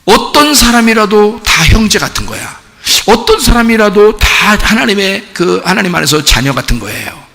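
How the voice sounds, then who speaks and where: A man's voice: sits high, very animated, normal speed, gravelly, few pauses, sharp tone. A middle-aged man preaching a sermon as pastor, telling stories animatedly with mimicry and laughter. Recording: long hall reverb.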